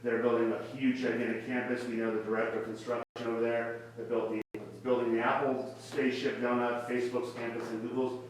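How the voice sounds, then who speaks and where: Fast, monotone male pitcher, distant, roomy sound. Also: slight background noise. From Florida. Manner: fast, salesy, persuasive. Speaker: startup founder pitching. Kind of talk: live pitch presentation. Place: event space at a tech meetup. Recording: echoey room, mic far off.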